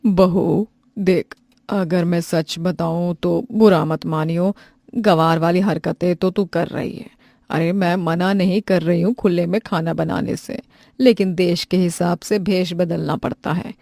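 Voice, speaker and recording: Woman putting on a stern mother-in-law in a cartoon story, slow and firm, loud and set back from the mic so it sounds a bit distant, lecturing her bahu. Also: on the low side, steady tone, vocal fry, no echo, clean studio sound. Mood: scolding. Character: strict middle-aged mother-in-law, lecturing.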